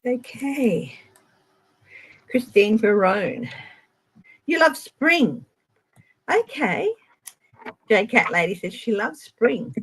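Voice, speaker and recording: A middle-aged Australian woman giving a gentle, chatty tarot reading on a live stream and addressing viewers by name. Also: a little high, sing-song, very slow, long pauses, breathy edge, low-quality recording. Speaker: tarot reader.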